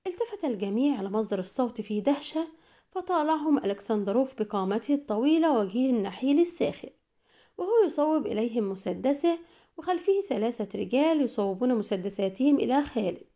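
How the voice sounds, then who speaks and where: A woman narrating a thriller novel as an audiobook, in a steady, measured reading. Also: a little high.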